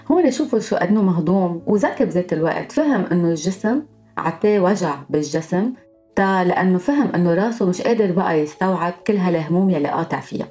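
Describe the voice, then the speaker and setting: A woman's voice: lowish voice, warm tone. A woman with a Lebanese accent hosting a podcast, explaining her topic in a scripted monologue and going through examples one by one. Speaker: podcast host.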